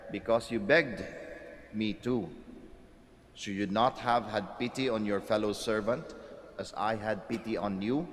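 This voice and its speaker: A man solemnly proclaiming the Gospel reading at Mass, with his voice ringing in a cathedral echo. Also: lowish voice. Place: large church. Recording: long church hall reverb.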